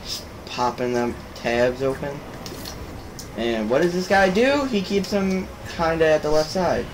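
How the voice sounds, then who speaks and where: A young man casually commentating a video game, excitable and swearing, shouting at the screen when things go wrong. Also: fairly high pitch, unhurried. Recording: noisy home recording.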